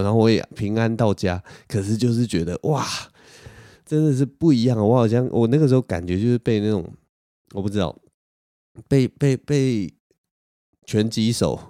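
A young man talks through a casual podcast story in a low, mellow voice. He rambles and pokes fun at himself. The recording is dry and close. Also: no echo. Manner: rambling, self-mocking, with frequent laughs and restarts. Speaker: podcast host.

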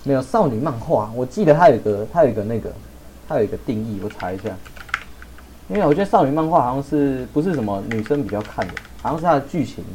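A man's voice: mid-range voice, lively intonation, warm tone, slight background noise. A young man hosting a casual podcast chat, joking around and swearing often. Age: young adult. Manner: fast, joking, swears a lot. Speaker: podcast host.

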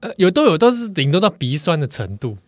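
A man's voice: on the high side, big pitch swings, fast, no echo. A man with a Taiwanese Mandarin accent co-hosting a casual podcast chat, reflective and hesitant, often restarting his words. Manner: reflective, hesitant with repeated starts. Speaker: podcast co-host.

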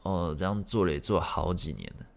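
A man, speaking in a very deep voice with a gravelly rasp. He tells a story from his own life in a loose, meandering way and curses without holding back, like a podcast host talking off the cuff. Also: fast talker. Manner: rambling, frank, swears freely. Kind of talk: casual personal storytelling.

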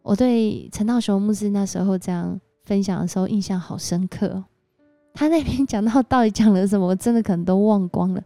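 A woman giving a devotional sermon, telling a story in a lively way with frequent exclamations. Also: medium pitch, a little fast, no echo. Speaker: church speaker. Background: faint background music.

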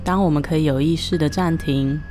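A woman leading a guided breathing and relaxation meditation in a calm, gentle, soothing manner with deliberate pauses. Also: low-pitched, soft background music.

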